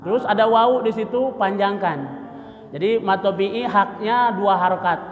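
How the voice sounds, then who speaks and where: A man teaching Quran recitation, slowly drilling letter sounds and repeating syllables, light jokes. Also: high voice, soft background music. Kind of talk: tajwid lesson with drilled pronunciation. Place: mosque hall. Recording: echoey mosque hall, dull lo-fi sound.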